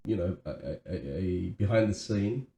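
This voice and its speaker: Earnest male podcast co-host, low and very mellow, roomy echo. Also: moderate pace, vocal fry. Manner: earnest, many restarts and "right?" tags. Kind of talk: casual chat.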